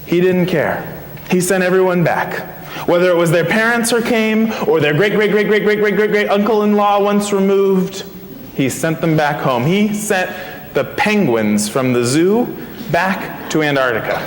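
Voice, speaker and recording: Male minister-storyteller, high voice, playful; recorded in a church hall with long reverb. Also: expressive, a little slow, a little hiss or hum. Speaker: intern minister. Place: large church sanctuary.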